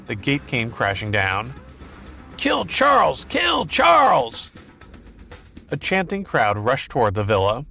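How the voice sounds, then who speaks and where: A man narrating an action novel as an audiobook in a steady, even storytelling voice. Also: lowish voice.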